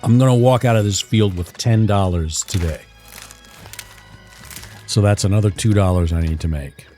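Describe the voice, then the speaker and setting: A man's voice: on the low side, normal speed, dark tone, soft background music. A man streaming a western role-play game, chatting casually and rambling through stories with chuckles. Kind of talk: casual in-character chat while streaming.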